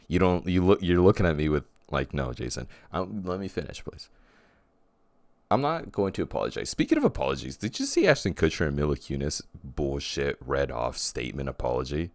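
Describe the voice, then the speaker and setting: A man's voice: a bass voice, big pitch swings, fairly quick, a little mellow, dry recording. A man co-hosting a casual chat podcast, rambling and often restarting his sentences. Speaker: podcast co-host.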